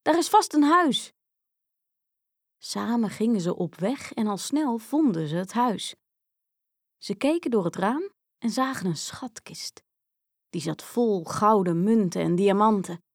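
A woman tells a children's fairy tale in a slow, expressive storytelling voice, leaving room between her phrases. Her pitch sits at an ordinary middle height. The recording is close and dry, with no room echo.

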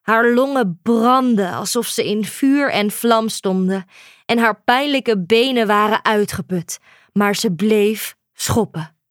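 A woman narrating a children's storybook in a calm, measured way. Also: mid-range voice, no room sound, studio quality. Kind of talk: storybook reading.

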